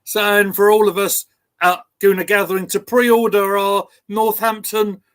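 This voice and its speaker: A man with an Essex accent and a high-pitched voice hosts a livestream. He talks casually about football, in the loose style of an online chat. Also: flat delivery, normal speed, a bit bright. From Essex, England. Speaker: host.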